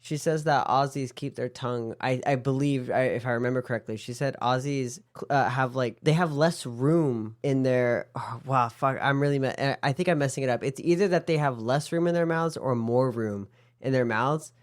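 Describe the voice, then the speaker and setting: A man in casual podcast conversation, mid-pitched and talking at an ordinary pace. He often trips over his sentences and starts them again, and drops in the odd curse as he muses on a film. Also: moderate pace. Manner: chatty, restarts sentences, mild swearing. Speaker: podcast co-host.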